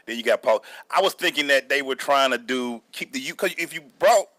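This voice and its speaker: A man hosting a sports talk show, chatting rapidly and colloquially about basketball. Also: mid-range voice, expressive, pushed and bright, no room sound. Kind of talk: casual sports chat.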